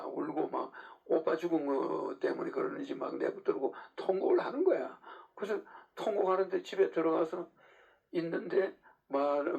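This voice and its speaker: A man delivers a sermon in a loose, conversational lecturing style, firing rhetorical questions at his listeners. His voice sits fairly high and has a gravelly rasp. The recording sounds muffled and lo-fi. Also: darkish tone. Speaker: preacher. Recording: dull lo-fi recording.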